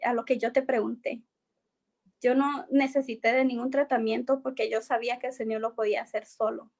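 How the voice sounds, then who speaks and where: High-voiced woman telling a faith testimony. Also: gravelly. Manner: earnest storytelling, acts out dialogue. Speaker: guest sharing testimony.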